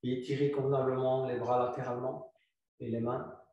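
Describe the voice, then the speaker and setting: Guy leading yoga, calm steady cues, mid pitched, sounds far off in a big echoey room. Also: highs cut off. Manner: calm, instructive, repeats cues slowly. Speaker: yoga teacher. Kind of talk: guiding a yoga flow class.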